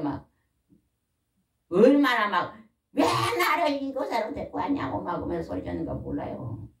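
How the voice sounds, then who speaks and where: Lively older woman preaching. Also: fairly low pitch. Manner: folksy, animated, asks the congregation questions. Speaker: pastor's wife preaching. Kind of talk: sermon. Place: church hall. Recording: echoey room, mic at a distance.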